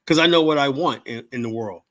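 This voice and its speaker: A man's voice: medium pitch, a little fast, a bit bright. An older man in his seventies hosts a casual live stream. He rambles from one point to the next and speaks bluntly, with plenty of profanity and a habitual "you know?" at the end of his thoughts. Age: 70s. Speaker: livestream host.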